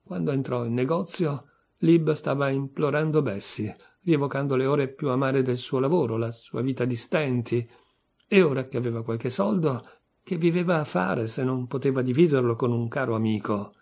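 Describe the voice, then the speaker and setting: A man reading a literary short story aloud with steady, measured narration. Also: medium pitch, gravelly. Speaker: audiobook reader.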